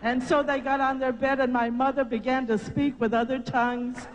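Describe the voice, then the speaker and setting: High-voiced older woman telling her testimony. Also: flat delivery, normal speed, slight background noise, rough recording. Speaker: testimony speaker. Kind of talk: personal testimony storytelling.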